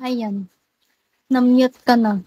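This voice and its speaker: A woman's voice: on the high side, steady tone, takes it slowly, warm tone, no echo, low-quality recording. A Filipino woman live streamer with missing front teeth, chatting casually and playfully with her viewers. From Philippines. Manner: teasing, playful banter.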